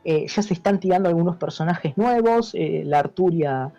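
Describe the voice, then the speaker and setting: With a fairly high, soft and dark voice, lively intonation, and a moderate pace, an Argentine history teacher speaks as an interview guest with an Argentine Spanish accent. He explains informally and didactically, using tag questions to confirm understanding, recorded in dull lo-fi audio with music behind.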